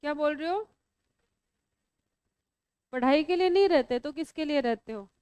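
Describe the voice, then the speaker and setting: A woman's voice: high-pitched, normal speed, a little mellow, no room sound. A woman teaching biology to a class, asking students questions and teasing them as she explains. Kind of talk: classroom lecture.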